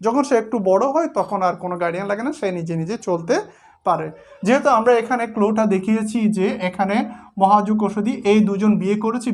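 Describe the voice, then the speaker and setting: A teacher from Bangladesh explaining a grammar lesson at a board, patient and step by step, repeating each example. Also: medium pitch.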